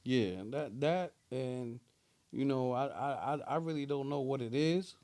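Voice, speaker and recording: A man's voice: medium pitch, a little slow, a little mellow. A man with a New Jersey accent talking casually as a rapper being interviewed, using heavy street slang and emphatic, repeated check-in phrases.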